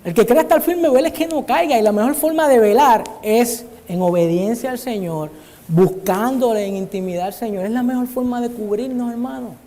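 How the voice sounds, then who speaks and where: A man's voice: very high-pitched, a little fast, warm tone. A man preaching a Bible study sermon in an earnest way, often calling his listeners brother, speaking in a church hall. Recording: long church-hall reverb.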